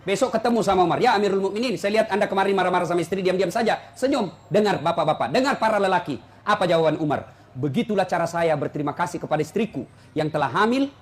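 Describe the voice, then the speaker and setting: A man's voice: sits high, very fast. A male preacher giving a humorous sermon to a congregation, telling jokey stories and acting out the voices of the people in them. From Indonesia. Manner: jokey storytelling, acts out quoted voices, lively.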